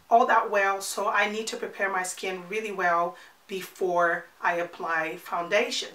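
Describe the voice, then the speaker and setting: This woman in her forties is a beauty vlogger whose medium-pitched voice sounds pushed and bright in a roomy space. A cold has left her congested and nasal, yet she keeps chatting through a makeup tutorial, repeating words for emphasis.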